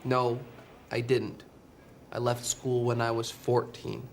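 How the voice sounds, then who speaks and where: A sheepish job applicant in a scripted comic sketch for learners. He talks slowly and gives short, hesitant, apologetic answers. There is a faint hiss behind him. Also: medium pitch, monotone, gravelly. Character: meek adult man job applicant who lied.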